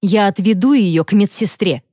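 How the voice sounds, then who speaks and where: A woman's voice: medium pitch, normal speed, mellow, no room sound, lightly acted. Woman as a strict female teacher, firm, clipped, audiobook, dry sound. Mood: stern. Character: stern adult female school teacher.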